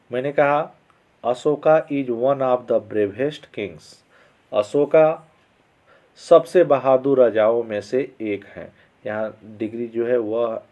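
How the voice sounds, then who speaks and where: A man teaching English grammar as a lesson, explaining in Hindi. He reads the English examples slowly and often checks that his students are following. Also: mid-range voice, darkish tone. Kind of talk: classroom-style grammar lesson. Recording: slightly dull lo-fi sound.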